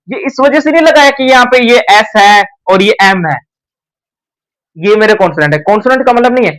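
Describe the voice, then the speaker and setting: High-voiced man teaching grammar. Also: fairly bright tone, low-quality recording. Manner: repeats questions to the class and answers them himself. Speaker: English teacher. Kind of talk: whiteboard grammar lesson.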